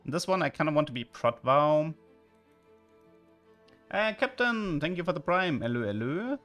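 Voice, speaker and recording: Commenting on his game and talking with his audience, this German-accented streamer from southern Germany bursts out excitedly now and then. He speaks at a moderate pace with a fairly high pitch while faint music plays.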